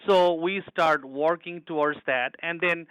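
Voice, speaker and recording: A man's voice: on the high side, measured pace, fairly bright tone, clear, resonant tone, no echo, poor audio. A middle-aged man from Bangladesh, an executive chef answering interview questions earnestly, with frequent restarts and broken grammar.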